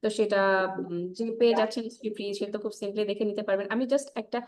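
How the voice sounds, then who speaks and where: A woman teaching spoken English in Bengali mixed with English, drilling sounds slowly and often checking in with the class. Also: mid-range voice, steady tone, warm tone. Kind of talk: online class lesson.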